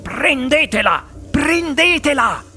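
A man reading an audiobook, voicing an eccentric male chocolate-factory owner who shouts theatrical, commanding exclamations. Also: extremely high pitch, animated, slow pace, slight background noise, pitched above the performer's own voice, full character voice. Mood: excited.

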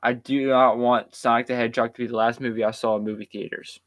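A tired man chatting casually as a podcast co-host, drifting from point to point with a middle-pitched voice. The sound is close and dry. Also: level tone, fast, fairly bright tone, no room sound. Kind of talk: casual chat.

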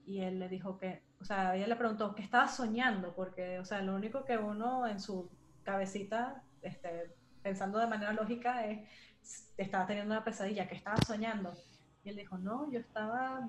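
A woman's voice: mid-range voice, echoey room, a little hiss or hum. A young woman chatting casually, telling a ghost story with lots of fillers and slang.

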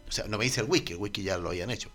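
A man's voice: lowish voice, very fast, fairly bright tone, faint music behind. A man from Chile with a Chilean accent, telling an absurd comic story in a rambling, stammering, slangy way.

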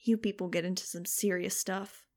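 A woman's voice: fairly low pitch, steady tone, moderate pace, a little mellow, lightly acted. Wary slangy young hacker guy, paranoid but easygoing, read by a woman. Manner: casual slangy drawl. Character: paranoid young male hacker, laid-back.

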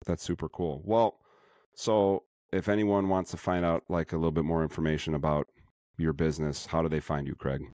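A middle-aged man with a Chicago accent hosts a podcast, his voice very deep. He rambles eagerly, piling up fillers and false starts. The sound is dry and close. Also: little pitch movement, fairly quick, darkish tone, no room sound. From suburban Chicago. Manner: rambling, enthusiastic, frequent fillers and restarts. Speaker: podcast host. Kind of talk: casual podcast chat.

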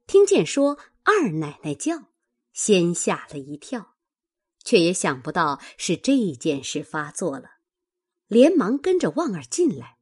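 A woman narrating a classical novel with expressive, dramatic storytelling. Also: on the low side, breathy edge.

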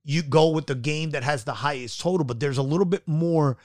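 Emphatic, upbeat host, fairly high voice. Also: male voice, fairly quick, a little mellow, no room sound, studio quality. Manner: emphatic, repeats words for stress. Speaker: podcast host. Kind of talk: energetic show intro and casual chat.

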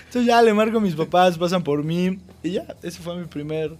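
Young mexican dude telling a story on a podcast, chatty, lots of "o sea", slightly high voice. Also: male voice, soft background music. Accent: Mexican Spanish. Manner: animated, quick asides, fond of "o sea". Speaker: guest. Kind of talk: casual storytelling.

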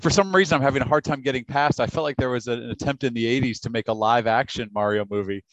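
A middle-aged man, the guest and the host's father, chatting in a measured, thoughtful way with hesitant restarts. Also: medium pitch, a bit bright, dry recording, low-quality recording. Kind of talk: casual podcast chat.

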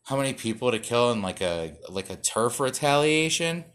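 A man's voice: medium pitch, very animated, normal speed, fairly bright tone. A young man doing a rambling, self-mocking comedy monologue read from cards, full of fillers, restarts and swearing. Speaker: stand-up comedian.

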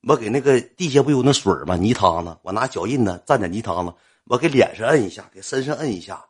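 A man with a Northeastern Chinese accent telling a comic story in a rambling, colloquial, animated way. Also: medium pitch, fast, slightly rough.

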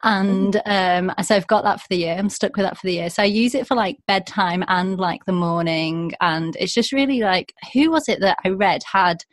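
A woman's voice: mid-range voice, normal speed, few pauses, no echo. Upbeat woman, laughing guest. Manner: upbeat, laughs often, dry humor. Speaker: guest influencer. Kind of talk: casual chat.

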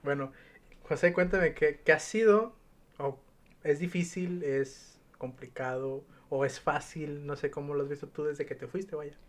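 A young man from Mexico with a Nayarit accent, hosting a casual podcast chat and asking relaxed questions. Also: fairly high pitch, unhurried. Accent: Nayarit Mexican Spanish. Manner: relaxed, friendly questioning with fillers. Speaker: podcast host.

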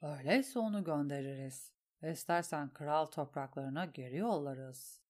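A woman voicing a calm, scheming lord who speaks in a low, soothing, measured way in a storybook reading. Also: close to an everyday voice. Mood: smooth. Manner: soothing, measured, quietly manipulative.

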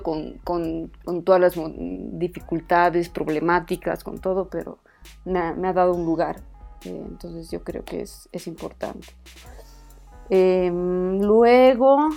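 A woman's voice: fairly low pitch, creaky, warm tone. A young Bolivian woman from a comedy channel, chatting as a guest and thinking aloud with restarts and fillers. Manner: thoughtful, hesitant, many restarts and fillers. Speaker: guest, comedy YouTube creator. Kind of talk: casual chat.

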